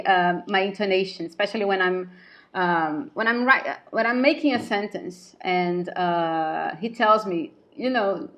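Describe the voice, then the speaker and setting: A woman's voice: mid-range voice, a bit bright. A woman from Brazil with a Brazilian Portuguese accent, interviewing a guest and often affirming what she says. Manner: affirming, frequent backchannels. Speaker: interviewer, English teacher. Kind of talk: casual interview.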